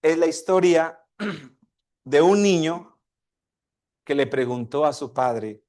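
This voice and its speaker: A man's voice: fairly high pitch, expressive, slow, a little mellow. A man preaching a sermon, asking his congregation questions and acting out a dialogue between a father and his child. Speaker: pastor.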